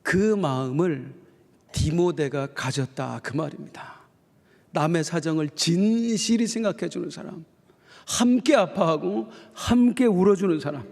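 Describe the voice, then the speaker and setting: A middle-aged male pastor delivers a sermon in a folksy, animated storytelling manner. His voice sits high with a gravelly, fry-tinged edge. It carries with the long reverb of a church sanctuary. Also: unhurried.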